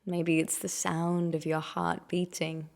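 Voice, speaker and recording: A woman guiding a meditation, her voice sitting a little low with a gravelly fry at the edges. She speaks slowly and gently, leaving long pauses between soothing prompts. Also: flat delivery. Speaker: meditation guide. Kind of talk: guided meditation.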